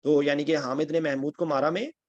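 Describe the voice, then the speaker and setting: A man's voice: fairly high pitch, fairly even intonation, fairly quick, muffled recording. A man teaching an online Quran grammar class, patiently explaining and reciting lists of Arabic word forms, checking in with his students often. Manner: patient, repeats "theek hai?" to check understanding.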